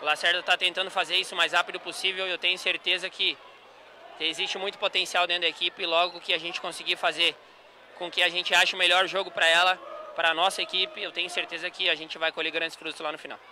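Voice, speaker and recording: A man, a futsal player, answering post-match interview questions on the court in an earnest, measured way. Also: high voice, little pitch movement, bright, forceful tone, a little hiss or hum. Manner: earnest, measured, repetitive reassurance.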